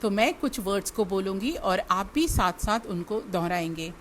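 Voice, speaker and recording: In a classroom English lesson, an Indian woman speaks to her students directly at normal speed, her mid-range voice full of lively intonation. She spells words aloud one letter at a time and repeats each of them. There's a little hiss or hum on the audio.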